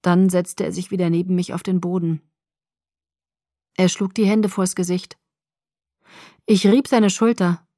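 A woman reading first-person audiobook narration in a calm, measured storytelling manner. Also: mid-range voice, no echo, studio quality.

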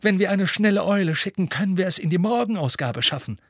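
A man's voice: high voice, lively intonation, quick pace, no room sound, studio quality, voice pushed up, heavily acted. A man voicing a blustering, gloating middle-aged male minister who barks his lines in an audiobook reading. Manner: shouting, barking, gloating.

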